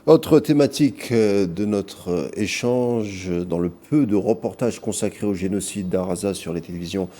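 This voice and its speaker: A man hosting a TV interview, asking questions in formal, measured phrasing. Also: fairly low pitch, warm tone. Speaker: TV news host.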